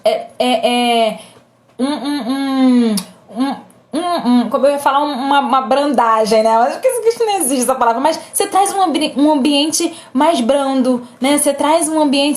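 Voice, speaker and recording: A Brazilian woman with a high, light voice talks unhurriedly to her viewers, giving advice. She is gentle and reassuring, pausing on fillers and often asking whether they are following along. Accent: Brazilian Portuguese. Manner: gentle, reassuring, with frequent checking tags and filler pauses. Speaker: presenter giving family advice. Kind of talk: casual advice talk to viewers.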